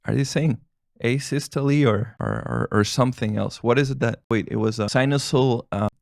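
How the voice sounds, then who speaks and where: A family physician in his thirties, a native Spanish speaker, chats casually to camera while answering questions, rambling with restarts and chuckles. His mid-range voice is creaky, with lively intonation and normal speed, recorded clean in a studio with no echo.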